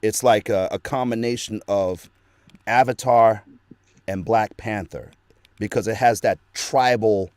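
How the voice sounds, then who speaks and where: Recorded dry in a small home studio, a man who voice-acts for a living rambles through earnest stories as a guest in a casual interview. He speaks in an unhurried, lowish voice with a darkish tone.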